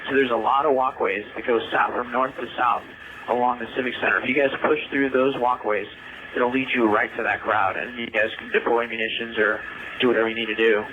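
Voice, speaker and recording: A man's voice: medium pitch, a little fast. Man on a crackly police radio. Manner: steady, explanatory, with frequent "uh" fillers. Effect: police radio transmission. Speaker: police officer. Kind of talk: radio traffic giving directions. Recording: tinny scanner radio with static.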